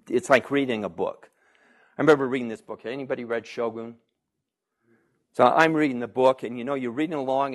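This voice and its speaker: Speaking at medium pitch, a male doctor delivers a public health talk in a conversational style. He echoes what audience members ask and throws rhetorical questions back at the room.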